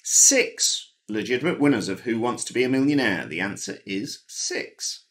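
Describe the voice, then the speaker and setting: A man's voice: medium pitch, expressive, moderate pace, fairly bright tone. Dry-witted man reading quiz answers. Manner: dry, wry asides. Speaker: quiz host. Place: home, recorded alone.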